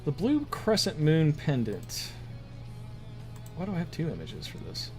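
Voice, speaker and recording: A man serving as game master, narrating a tabletop game casually in a halting, improvised way. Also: fairly high pitch, huge pitch swings, over music.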